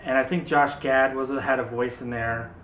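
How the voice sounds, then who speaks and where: Speaking in an echoey room indoors, this man hosts a relaxed movie discussion full of playful teasing for his film channel. His mid-range voice holds a level tone at normal speed and sounds fairly bright. There is faint background noise.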